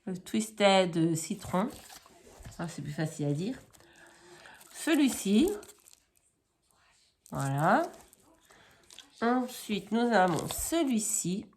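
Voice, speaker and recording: A woman's voice: mid-range voice, sing-song, darkish tone, slight background noise. A woman chatting casually in a crafting haul vlog, rambling and correcting herself with many fillers as she shows items at home. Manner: chatty and unhurried. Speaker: crafting vlogger.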